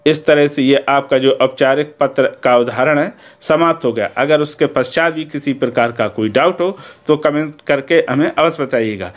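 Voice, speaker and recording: Speaking in a mid-range voice, a male Hindi teacher with an Indian accent works through a lesson methodically, one step at a time. After every point he pauses to check in with his students.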